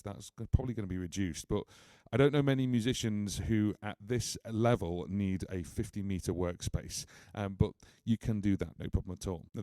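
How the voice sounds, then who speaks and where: Low, dark-toned British man reviewing gear. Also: no room sound. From United Kingdom. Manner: chatty, explanatory, many fillers like "obviously". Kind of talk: casual gear review and demo. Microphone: studio microphone.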